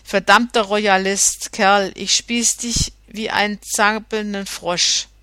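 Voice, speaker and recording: Woman putting on a mocking tipsy journeyman guy, scheming, gets loud, storybook read, dry close mic. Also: mid-range voice, level tone, slow, no room sound. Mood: threatening. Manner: mocking and threatening, loud outbursts. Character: half-drunk scheming male journeyman revolutionary, sneering.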